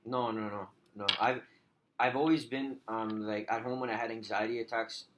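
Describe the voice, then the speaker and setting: A man playing the client in a role-played telephone counselling conversation, talking haltingly with many fillers. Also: on the low side, steady tone, noisy background. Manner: halting, hesitant, heavy use of filler 'like'.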